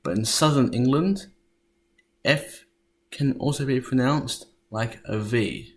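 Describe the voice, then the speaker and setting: A man presenting a history lesson as scripted narration, spelling out sounds deliberately with occasional stumbles. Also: medium pitch.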